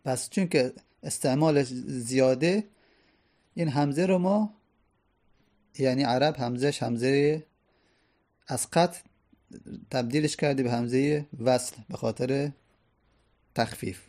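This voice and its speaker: A man's voice: medium pitch, long pauses, warm tone. A man teaching a grammar lesson, explaining step by step and answering his own questions.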